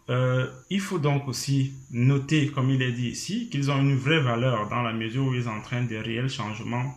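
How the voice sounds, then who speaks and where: A man teaching a language lesson in a patient, explanatory way, humming and singing tone examples. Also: mid-range voice. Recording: roomy echo.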